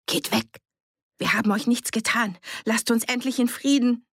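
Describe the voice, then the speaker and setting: A woman's voice: fairly high pitch, steady tone, normal speed, husky, dry recording, studio quality, voice pushed up. A woman reader voicing a desperate, frightened farm woman who speaks in broad rural dialect with a trembling voice. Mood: hostile.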